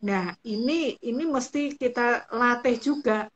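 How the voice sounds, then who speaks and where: A woman's voice: on the high side, a little slow. A woman giving patient, explanatory advice as a guest counselor in a live-stream talk. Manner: patient, explanatory, acts out example phrases. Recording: dull lo-fi live-stream audio.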